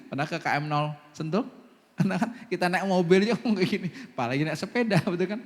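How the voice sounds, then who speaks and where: Man, pastor, high and very animated voice, chatty storyteller, church-hall reverb. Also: fairly quick. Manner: lively storytelling with many asides, laughing often. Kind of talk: sermon.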